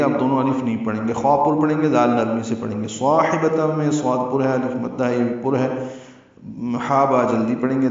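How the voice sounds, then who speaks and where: Male recitation teacher, methodical, chants verses slowly, muffled roomy sound from a distance. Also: mid-range voice. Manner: explains rules step by step, then chants verses slowly. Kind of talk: tajweed lesson with recitation. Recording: echoey, distant, slightly dull sound.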